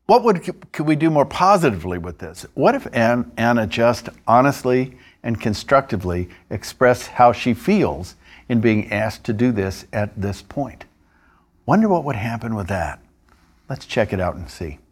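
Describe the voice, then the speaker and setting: A male instructor narrating a training lesson in a measured, explanatory way. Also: mid-range voice, sing-song. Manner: measured, explanatory, with occasional restarts.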